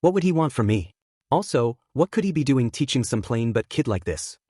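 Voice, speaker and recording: A man's voice: medium pitch, expressive, fairly quick, dark tone, no room sound, studio quality, natural voice. A man reading the part of a wheelchair-bound dojo owner who speaks in a curt, irritable way. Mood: suspicious.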